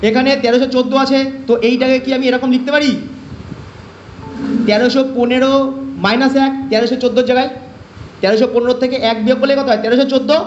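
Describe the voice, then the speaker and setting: A man's voice: very high voice, little pitch movement, racing, pauses often, slight background noise. A man teaching an online math class, asking and answering his own questions step by step. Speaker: math tutor. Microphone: online class call. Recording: echoey, dull lo-fi online class audio.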